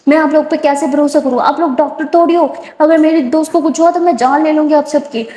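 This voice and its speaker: Frantic protective young woman, read by a woman narrator; high, tense voice, roomy room sound. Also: fairly even intonation, warm tone, lightly acted. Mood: angry. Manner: pleading then angry, raised voice. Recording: roomy echo.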